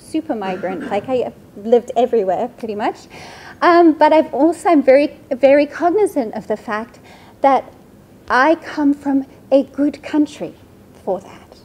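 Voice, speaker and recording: A woman's voice: sits high, warm tone. A woman from Sweden, around her thirties, giving a seminar talk about slides in a conversational way, often checking in with the audience by asking "right?". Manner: conversational, frequent tag "right?". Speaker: seminar speaker. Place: lecture room.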